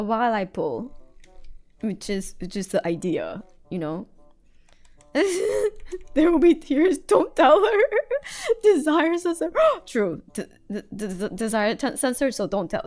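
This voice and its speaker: Giggly woman with a lively voice. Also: high voice. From United States. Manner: giggly, chatty, trails off and restarts. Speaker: streamer. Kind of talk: casual livestream chat while drawing.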